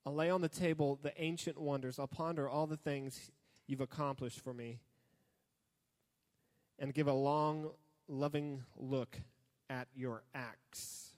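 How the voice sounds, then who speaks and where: Joking young youth pastor, higher voice. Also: male voice, a little slow, big-room sound. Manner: relaxed, joking asides. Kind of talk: casual youth sermon. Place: church hall.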